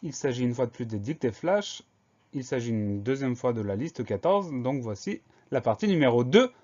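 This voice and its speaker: A man's voice: mid-range voice, expressive, a little mellow, lo-fi sound. A man teaching a spelling lesson, carefully spelling out words letter by letter. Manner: slow, deliberate spelling out of letters.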